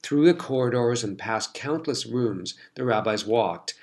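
A man narrates a story in a measured, scripted way. His voice sits at a middle pitch. The delivery stays steady.

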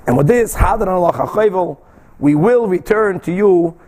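High-pitched man teaching Talmud. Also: moderate pace, dark tone. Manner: emphatic, asks and answers own rhetorical questions. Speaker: religious teacher giving a Talmud class. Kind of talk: explanatory lecture, translating and commenting line by line.

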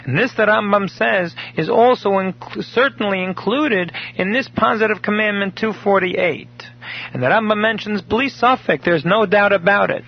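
Gravelly husky male Torah teacher. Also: sits high. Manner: measured storytelling, with Hebrew terms glossed in English. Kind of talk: recorded daily study class. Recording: dull lo-fi recording.

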